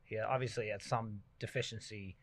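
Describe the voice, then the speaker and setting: Animated middle-aged man telling stories. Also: fairly low pitch, brisk. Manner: animated storyteller, loud bursts when excited. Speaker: podcast host. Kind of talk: casual chat.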